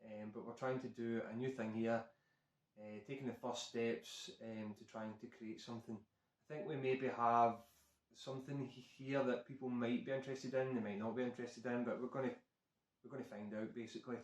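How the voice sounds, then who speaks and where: Male presenter, heavy Scottish accent, even-toned and hesitant, informal vlog delivery, recorded off-mic in a reverberant room. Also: medium pitch, brisk. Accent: broad Scottish. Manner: hesitant, self-conscious, unpolished. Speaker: car care channel presenter. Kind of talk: informal talk to camera introducing a channel. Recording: echoey room, distant microphone.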